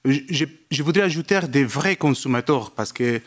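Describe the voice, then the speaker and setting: A man from Italy with an Italian accent, speaking a non-native language haltingly as he addresses a seminar from the audience, often searching for words. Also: medium pitch, expressive. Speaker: lobbyist asking a question from the audience. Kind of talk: spontaneous public question at a seminar.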